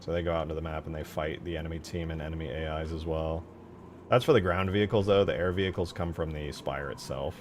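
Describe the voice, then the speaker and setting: Over background music, a game modder and channel host talks casually about his screen while working on a mod, thinking aloud in informal, sweary language. His voice rumbles low with a steady tone, and he talks fast amid background noise.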